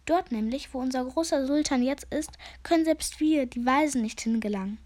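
A woman voicing a gloomy, self-important old male raven sage with a croaking voice and a grave, solemn way of speaking. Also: high-pitched, normal speed, a little mellow, voice pushed up, natural voice. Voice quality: croaking, rasping.

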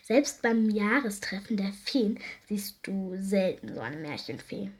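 A woman reading aloud, voicing a grumpy little furry female garbage fairy who talks bluntly, with a breathy voice. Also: mid-range voice, animated, measured pace. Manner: gruff, blunt, sad underneath. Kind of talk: storybook reading.

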